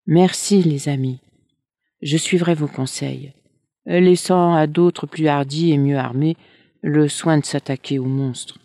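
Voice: mid-range voice, fairly even intonation, slow, mellow, dry recording, clean studio sound. A reader calling as a brave young wanderer. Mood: grateful.

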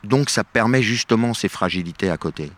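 A middle-aged man with a low voice talks about his stage show in a radio interview. He stumbles, restarts and fills gaps with hesitation sounds while he searches for his words. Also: expressive, a little fast. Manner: hesitant, many fillers and restarts. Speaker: stage actor and bandleader, interview guest.

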